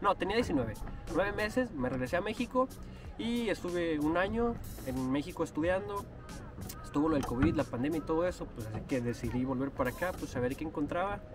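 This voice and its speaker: A young Mexican man in his twenties vlogs from a rowboat on a lake, chatting casually and slangily to camera in a fairly high, animated, brisk voice with a Mexican Spanish accent. He records on an action camera at arm's length, so he sounds far from the mic, and there is music underneath.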